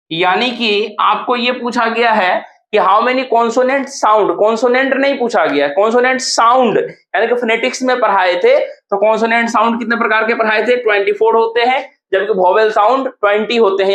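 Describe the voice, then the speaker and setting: A man's voice: sits high, fairly bright tone. A male coaching teacher, going over exam answers step by step and spelling words out letter by letter. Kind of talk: exam answer review lesson. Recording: echoey room.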